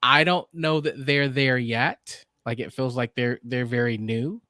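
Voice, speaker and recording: A man co-hosting a podcast shares his views in a halting, restarting way as he thinks aloud. His voice has a middling pitch. The recording is dry and close. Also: fairly even intonation, bright, forceful tone, dry recording. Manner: halting, with frequent restarts and um's. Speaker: podcast co-host. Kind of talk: casual review chat.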